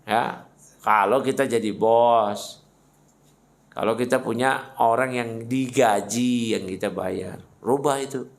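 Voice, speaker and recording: Gravelly male religious teacher, chatty. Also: medium pitch, steady tone, takes it slowly. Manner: conversational and teasing, addressing listeners as "Pak"; mixes Arabic recitation into Indonesian speech. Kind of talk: mosque study lecture.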